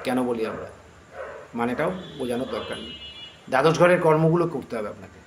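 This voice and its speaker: A middle-aged man with a Bengali accent teaching astrology, earnest and pleading as he explains. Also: mid-range voice. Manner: earnest, pleading, chants mantras slowly. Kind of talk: astrology lesson. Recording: echoey room, faint ambient noise.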